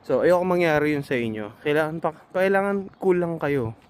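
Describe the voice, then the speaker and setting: A man's voice: fairly high pitch, animated, moderate pace, darkish tone, smooth. A Filipino man giving casual, earnest advice to fellow nurses in a vlog, reassuring and full of hesitant fillers.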